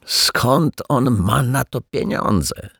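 A man's voice: low-pitched, slow pace, no echo, studio quality, exaggerated voice. A man voicing a naive, curious male building caretaker in a children's audiobook, asking eager guesses. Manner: eager guessing questions, rising excited.

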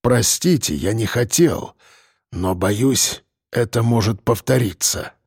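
A man voicing a stubborn, restrained male bodyguard who speaks low and tersely. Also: moderate pace, creaky, darkish tone, husky, no room sound, clean studio sound. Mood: grim.

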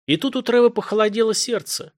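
A man narrating an audiobook with measured, dramatic storytelling. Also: high voice, no room sound, studio quality. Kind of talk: scripted narration.

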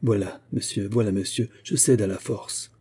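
A man's voice: on the low side, normal speed, mellow, husky. A man reading aloud, voicing a proud aristocratic countess who answers with imperious indignation. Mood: bitter. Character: haughty aristocratic countess caught shoplifting, indignant.

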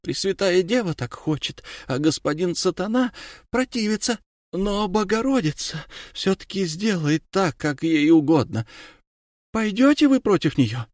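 A raving woman on trial as a witch, put on by a male reader in a high strained voice. She pleads and rambles in a storybook reading, close and dry. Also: sing-song, measured pace, no room sound. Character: crazed woman accused as a witch.

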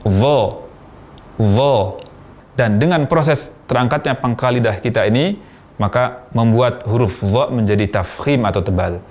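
A man hosting a radio lesson on Quran pronunciation, speaking slowly and carefully demonstrating each sound. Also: medium pitch, darkish tone.

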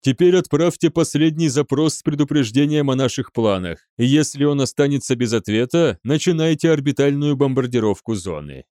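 A man's voice: medium pitch, lively intonation, brisk, few pauses, warm tone, dry recording, close to an everyday voice. Arrogant, snarling male lord-commander, read by the male narrator; dry, close sound. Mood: commanding.

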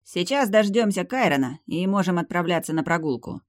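A woman's voice: on the low side, expressive, a little fast, no room sound, clean studio sound, pitched above the performer's own voice, natural voice. A woman voicing a persistent noble ex-lover. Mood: earnest. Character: young adult man, aristocratic ex-lover, persistent.

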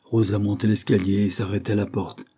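A man reads a classic novel aloud as a narrator, in a measured and even manner. His voice is low, dark and husky. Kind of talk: audiobook reading of a classic novel.

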